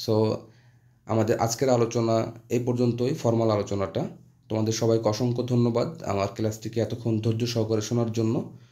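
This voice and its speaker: Mellow-voiced man teaching English. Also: medium pitch. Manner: mixes Bengali and English, reads sentences slowly and explains. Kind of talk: online grammar lesson.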